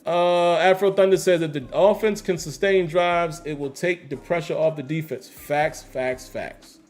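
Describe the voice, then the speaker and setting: A man's voice: fairly high pitch, fairly even intonation, measured pace, a little mellow, faint music behind. A man hosting a casual livestream, reading chat comments aloud and answering them emphatically with slangy repetition. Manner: emphatic, repeats phrases, slangy. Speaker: host reading live chat.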